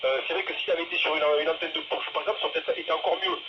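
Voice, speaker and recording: Talking very fast in a voice on the high side, a man trades informal, slangy chatter as an amateur radio operator. It comes through a two-way radio, so the audio is muffled and noisy.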